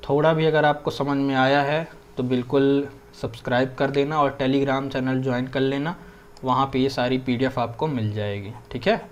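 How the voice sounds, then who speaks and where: A man's voice: medium pitch, steady tone, moderate pace, lo-fi sound, slight background noise. A young man explaining Hindi grammar in a casual lesson, often checking in with his listeners and mixing in English words. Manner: conversational, keeps checking in with "theek hai". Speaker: exam prep teacher.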